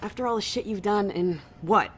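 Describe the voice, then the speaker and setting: In a science fiction audio drama, a woman plays a loyal, foul-mouthed security deputy who talks casually and colloquially, a little hesitant with her boss. Her mid-range voice is slightly rough and lightly acted, at a moderate pace. She sounds tentative and pleading.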